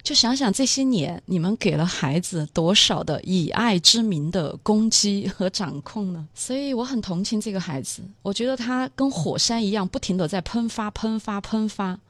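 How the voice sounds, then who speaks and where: A woman's voice: medium pitch, animated, moderate pace, hardly any pauses, no echo. Blunt, sarcastic female parenting expert. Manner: blunt and sarcastic, then earnestly explaining. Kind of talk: talk show commentary.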